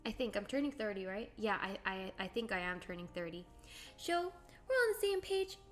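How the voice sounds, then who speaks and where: Faint music plays behind a woman in her late twenties who chats on her livestream in a medium-pitched, sing-song voice at normal speed. Bubbly and relaxed, she draws and reads viewer comments aloud.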